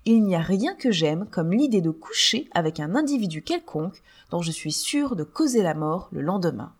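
A woman's voice: on the low side, sing-song, moderate pace, breathy edge, full character voice. A woman reading an audiobook, voicing a cruel, scheming libertine woman who speaks coldly and slyly. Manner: cold and sly.

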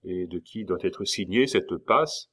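A man's voice: low voice, expressive, unhurried, bright, forceful tone, heavily acted. A man voicing an impatient, sarcastic male envoy in an audiobook, raising his voice above his narration. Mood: exasperated. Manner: sarcastic, exasperated. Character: impatient sharp-tongued male royal jester-envoy. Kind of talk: audiobook character reading.

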